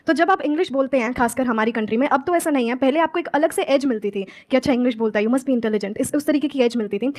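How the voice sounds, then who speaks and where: High-voiced young woman from Haryana. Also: quick pace, few pauses, darkish tone. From Haryana, India. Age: 20s. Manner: earnest, switches between Hindi and crisp English lines. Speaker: guest motivational speaker and English teacher. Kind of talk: stage interview answering audience questions.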